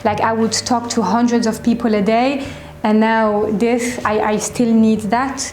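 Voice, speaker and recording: A woman in her twenties with a French accent, a shop owner answering interview questions in a reflective way, often pausing and restarting. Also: on the high side, level tone, darkish tone. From France. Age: 20s. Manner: reflective, hesitant with fillers and restarts. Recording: echoey room.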